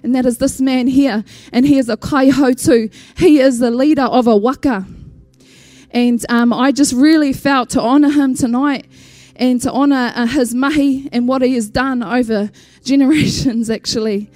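A woman's voice: high voice, steady tone, moderate pace, darkish tone, no room sound. A woman with a Māori New Zealand English accent gives an informal, heartfelt tribute at church, hesitating and mixing Māori words into her English. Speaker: church member introducing an honoured elder. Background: music behind the voice.

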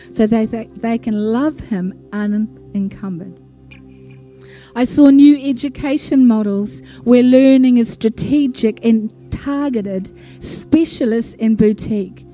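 Soft-toned, high-pitched woman preaching prophetically. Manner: earnest declaiming in list-like phrases. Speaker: church speaker sharing prophetic visions. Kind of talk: prophetic address to a congregation. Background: music behind the voice.

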